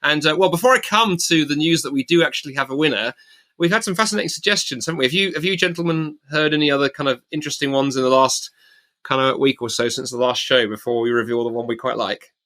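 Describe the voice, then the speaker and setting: A man hosting a casual podcast chat, playful and fond of puns, speaking haltingly with many fillers. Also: medium pitch, pushed and bright. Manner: hesitant, many fillers and restarts. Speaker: podcast host.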